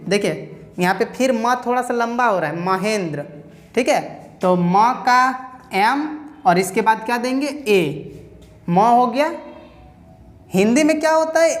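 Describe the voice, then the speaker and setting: A woman's voice: on the high side, long reverb tail. A woman teaching a spelling lesson, explaining step by step, answering her own questions and checking in with a repeated "okay". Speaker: English teacher.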